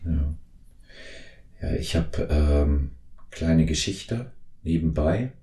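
A man in his fifties hosting a podcast interview, talking in a halting way with many fillers and restarts. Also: a bass voice, animated, warm tone, reverberant. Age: 50s. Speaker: podcast host. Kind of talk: conversational interview.

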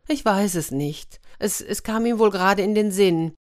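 A woman's voice: medium pitch, normal speed, darkish tone, pitched above the performer's own voice, close to an everyday voice. A woman voicing an anxious, tearful young princess who stammers, in a storybook reading. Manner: stammering, flustered.

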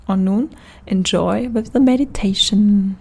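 A woman's voice: mid-range voice, measured pace, gravelly. A woman talking casually as a podcast host.

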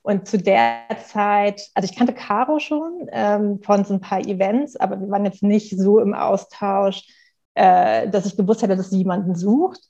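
A woman's voice: medium pitch, fairly even intonation, normal speed, gravelly, mellow, dull audio. A woman in her thirties speaking candidly as an interview guest, thinking aloud in a reflective, conversational way. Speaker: interview guest, company co-founder. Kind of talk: casual interview talk.

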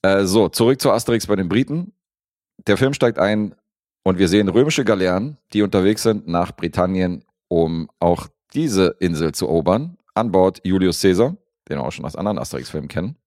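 A man co-hosting a podcast, reviewing a film in a relaxed, rambling way with lots of fillers. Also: low voice, a little fast, dry recording, studio quality. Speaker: podcast co-host reviewing films. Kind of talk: casual chat.

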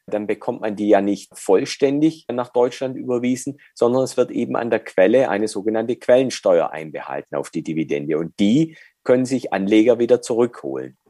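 A man explaining dividends and withholding tax as an interview guest, measured and with frequent hesitations. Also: lowish voice, animated, dark tone, no echo, studio quality.

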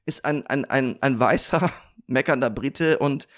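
Unhurried and a bit bright, this medium-pitched male podcast co-host chats casually about TV shows. His storytelling comes with laughter and plenty of hesitant false starts.

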